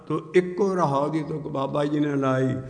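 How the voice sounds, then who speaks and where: High gravelly preacher with hall reverb. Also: male voice, steady tone, moderate pace, darkish tone. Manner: earnest, emphatic, breaks into chanted hymn lines. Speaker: Sikh preacher. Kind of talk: sermon with sung scripture.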